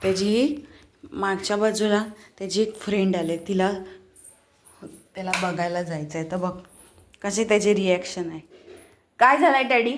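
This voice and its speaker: A woman's voice: medium pitch, normal speed, long pauses, noisy background. A woman filming a casual pet vlog, coaxing and scolding her dog in affectionate baby-talk. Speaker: vlogger.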